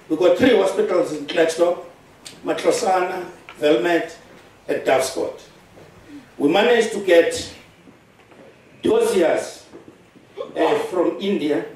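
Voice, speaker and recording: A man's voice: on the high side, a little mellow. A middle-aged man with a South African accent, a Xhosa speaker, giving a funeral eulogy as a former business partner, telling stories conversationally and chuckling often. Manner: conversational storytelling, chuckles often, mixes Xhosa phrases into English. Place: large hall at a funeral service. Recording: very echoey live stream from far off, faint noise.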